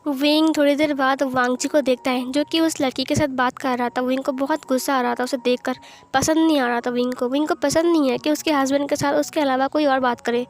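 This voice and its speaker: Woman storyteller, high voice, plain conversational read of fan fiction. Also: fairly even intonation, a little fast.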